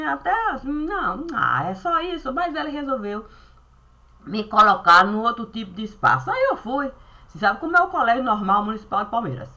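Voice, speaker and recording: Bright-voiced Brazilian woman, rambling. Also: mid-range voice. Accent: Brazilian Portuguese. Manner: meandering, repeats phrases, talks to God. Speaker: vlogger. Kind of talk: rambling spiritual monologue. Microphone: webcam.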